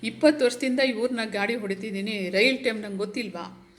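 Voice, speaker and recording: Easygoing chatty cart driver, read by a woman, relaxed and sure of himself. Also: fairly high pitch, fairly quick, lightly acted. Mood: reassuring.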